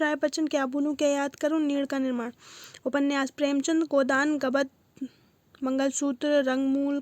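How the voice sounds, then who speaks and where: Young female tutor, high-pitched, dry close recording, reads revision lists term by term. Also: darkish tone, dry recording. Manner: lists terms one by one in short bursts. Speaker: teacher. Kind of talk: reading exam notes aloud.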